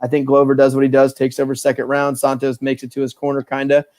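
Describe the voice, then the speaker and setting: A man co-hosting a podcast, giving a lively, swearing breakdown of an upcoming fight and acting out announcer calls. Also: mid-range voice, quick pace, no room sound. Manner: animated, acts out announcer calls, swears freely. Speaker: podcast co-host. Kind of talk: casual fight-analysis chat.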